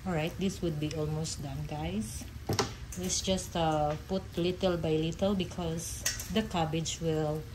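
Woman vlogger, unhurried kitchen chat to camera, lowish voice, kitchen noise in the background. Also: steady tone. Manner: chatty, unhurried, talks to viewers while cooking. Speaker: cooking vlogger. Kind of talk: casual cooking chat. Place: home kitchen at the stove. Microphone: camera nearby, hands-on cooking.

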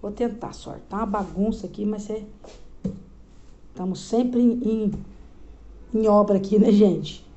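A measured pace, frequent pauses and a dark tone mark this woman's mid-range voice, and the audio is dull. In her forties and from Minas Gerais, Brazil, she chats loosely in Brazilian Portuguese with a Minas accent for a casual home vlog, lying in bed with the phone camera close.

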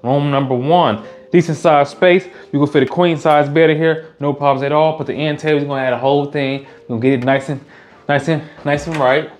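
A brisk, steady, fairly high-voiced man walks viewers through empty indoor rooms in a house tour vlog. As a realtor and house flipper, he stays casual and upbeat and keeps coming back to his catchphrases.

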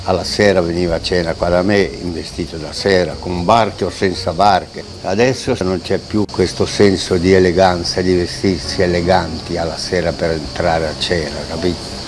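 A man's voice: low-pitched, fairly even intonation, normal speed, background noise. A man in his eighties, a restaurant owner and chef, talking proudly and unhurriedly about his life in an interview on an outdoor terrace, with restarts. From Italy. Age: 80s. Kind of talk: interview, reminiscing. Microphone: lapel mic. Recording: music playing under the voice.

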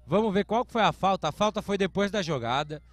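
A Brazilian sports commentator delivers live play-by-play of an American football game, breaking down calls in clipped announcer phrases. His voice is high and expressive, the pace brisk, and the recording dry.

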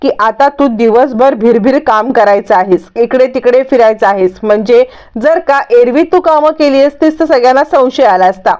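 A bossy, scheming middle-aged woman, read by a woman scolds slowly and sternly. Her voice sits high. The sound is muffled and lo-fi. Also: darkish tone, lightly acted. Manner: stern, slow, hectoring scolding. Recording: dull lo-fi recording.

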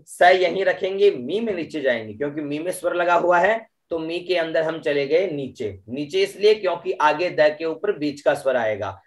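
A man teaching Vedic mantra recitation in an online class, explaining each syllable and then chanting the verse in long, drawn-out tones, often checking in with his students. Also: on the high side. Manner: tags sentences with "है ना" and "ठीक है".

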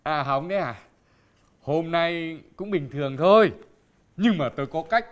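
A man's voice: fairly high pitch, measured pace, clean tone, natural voice. A man playing a cheeky, scheming street vendor who brags and chuckles in a TV comedy. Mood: boastful. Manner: boastful, chuckling.

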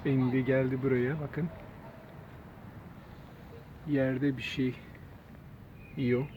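A man filming a bird in an urban garden, talking slowly and coaxing it over with affectionate words. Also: medium pitch, level tone. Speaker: nature vlogger. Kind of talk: casual vlog narration. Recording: dull phone audio with outdoor noise.

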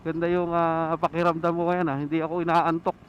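Inside his helmet on a moving motorcycle outdoors, a Filipino man vlogs solo, talking casually to himself, rambling, repeating himself, and doing a cappella rap and singing. His voice is on the high side with little pitch movement, a little fast. The helmet-mounted action camera mic gives a muffled sound with wind and vehicle noise and faint road ambience.

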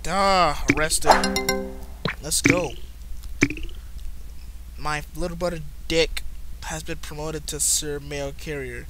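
Excitable, foul-mouthed male game commentator. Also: fairly high pitch, slow, long pauses, music in the background, low-quality recording. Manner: profane, excitable, reads game text aloud. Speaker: gaming channel host. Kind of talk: let's play commentary. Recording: loud background noise.

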